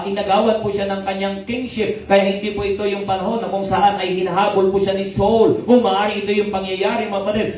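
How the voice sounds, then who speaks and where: A male pastor with a Filipino accent preaches to his congregation, often calling out for an "Amen" and swinging between shouting and quiet, earnest speech. His voice sits high. The sound bounces around a very reverberant hall, picked up from some distance with faint background noise. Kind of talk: sermon. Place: church hall.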